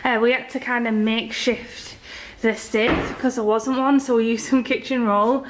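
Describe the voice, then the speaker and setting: A woman's voice: fairly high pitch, fairly even intonation, normal speed, noisy background. A young woman chatting casually to camera in a vlog, a little tired and out of breath, rambling with fillers. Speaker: vlogger.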